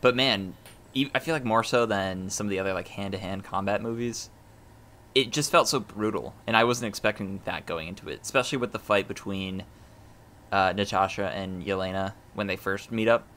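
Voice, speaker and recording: A man co-hosting a casual movie review chat, relaxed and hesitant, with many fillers. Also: lowish voice, fairly quick, a little hiss or hum. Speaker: podcast co-host.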